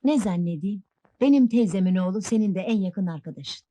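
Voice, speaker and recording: A woman's voice: medium pitch, lively intonation, fairly quick, dry recording, lightly acted. An actress playing a defiant young wife who stands up to her husband, in old film acting. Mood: arguing. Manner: defiant, sharp retorts. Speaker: wife and mother. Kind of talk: 1960s Turkish film acting.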